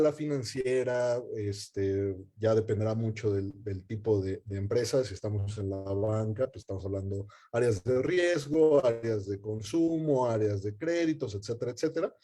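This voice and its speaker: A man explains data analytics in a long, thoughtful ramble. His voice is mellow and dark, and he often stops on fillers and restarts his sentences. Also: mid-range voice. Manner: hesitant, many fillers and restarts. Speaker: guest data scientist. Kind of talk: explanatory webinar talk.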